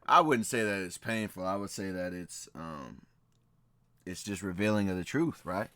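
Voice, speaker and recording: A man with a low, bright, forceful voice hosts a reaction video, reading old records and scripture aloud as casual commentary. He talks at a normal speed with lively intonation, stressing and repeating key phrases and often tossing in "right?". The recording has no room sound.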